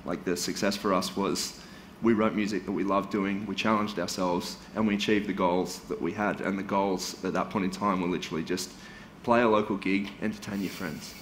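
A man's voice: low-pitched, fairly even intonation, fairly quick, few pauses, fairly bright tone. A young man, a panel guest on a conference stage, talking earnestly and reflectively with frequent restarts. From Australia. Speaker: panel guest, band singer. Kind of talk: conversational panel talk. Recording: roomy hall with faint noise.

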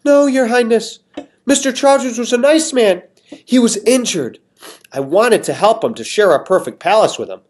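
A man voicing a frightened middle-aged woman prisoner, pleading desperately in a high, strained falsetto. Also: animated, normal speed, a little mellow.

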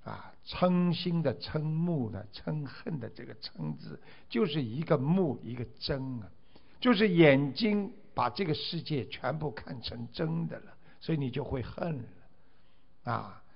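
A man's voice: on the high side, animated, a little slow, vocal fry. A man giving a Buddhist dharma talk, exhorting his listeners and stretching out drawn 'ah' particles between phrases. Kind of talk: sermon. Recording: dull lo-fi recording.

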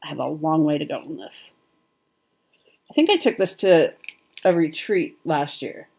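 A woman's voice: deep voice, lively intonation, measured pace, gravelly, darkish tone, slightly rough. A woman with a Midwestern American accent chatting casually as a cross-stitch vlogger, with frequent ums. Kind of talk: casual show-and-tell chat.

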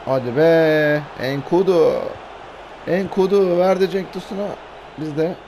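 A hoarse man, giving excitable live commentary over a football video game and shouting out player names in bursts. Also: on the high side, slow pace, slight background noise, low-quality recording. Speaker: gaming YouTuber.

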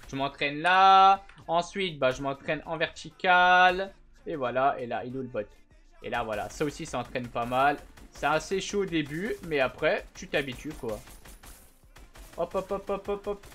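A young man hosting a gaming channel gives a casual gameplay tutorial, chatty and slangy, with bursts of excited shouting. His voice is a little high.

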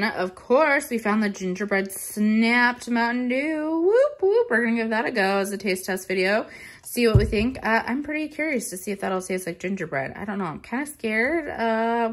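A woman's voice: mid-range voice, a bit bright, a little hiss or hum. A young woman chatting casually through a grocery haul, rambling with many fillers, filmed at home on a phone. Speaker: vlogger. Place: home kitchen counter.

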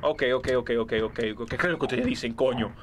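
A man with a Dominican accent chatting excitedly over a game on a livestream, swearing and repeating his short exclamations. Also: medium pitch, fairly quick. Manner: profane, repetitive exclamations. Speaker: livestream host. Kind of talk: excited casual gaming chatter. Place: indoor streaming room. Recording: clicky background noise.

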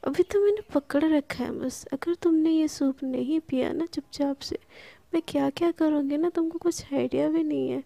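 A woman's voice: high voice, moderate pace, gravelly, mellow, no room sound. A woman voicing a caring but bossy young woman who scolds and teases in a firm, sometimes half-whispered voice. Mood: teasing.

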